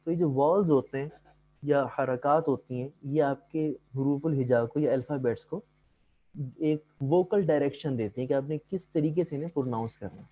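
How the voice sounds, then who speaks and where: A young man leads an online language lesson, calm and patient. His voice is mellow and dark-toned, at a middle pitch, and he slips English words into his explanations while checking in with the class. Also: low-quality recording. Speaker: Arabic language instructor.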